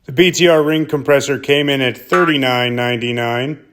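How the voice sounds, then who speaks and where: A man's voice: medium pitch, steady tone, moderate pace, fairly bright tone. A man hosting a casual car-build vlog, talking in a plainspoken, matter-of-fact way and running through part costs. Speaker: car builder and channel host.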